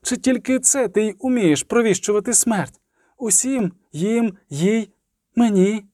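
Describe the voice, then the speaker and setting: A man's voice: high-pitched, steady tone, a little slow, warm tone, no room sound, voice pushed up. A young sorceress cries out incantations with desperate force, as a man reads her lines. Her voice sits well above his own and carries a commanding edge. The sound is dry and close. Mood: anguished.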